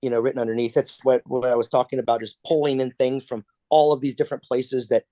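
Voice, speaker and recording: A man's voice: mid-range voice, level tone, fast, dark tone, no echo. Man teaching a class over a video call. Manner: conversational, with frequent restarts and repeated words.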